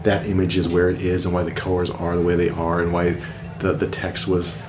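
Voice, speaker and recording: A man's voice: deep voice, monotone, a little fast, over music. A man talking casually as an interview guest, reflective and rambling with restarts. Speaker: guest designer. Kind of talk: casual conversation.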